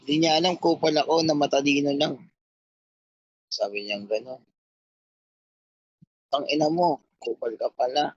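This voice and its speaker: A man's voice: fairly high pitch, steady tone, unhurried, pauses often, dry recording, highs cut off. A man telling a long, rambling, profane story in a casual chat, quoting himself and others.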